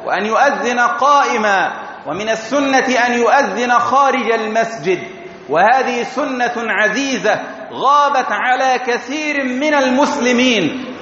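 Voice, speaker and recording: A man's voice: very high voice, bright, forceful tone, a little hiss or hum. A man preaching a Friday sermon, teaching in a didactic way and demonstrating how phrases of the call to prayer are spoken, recorded in a mosque. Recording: echoey hall, dull lo-fi.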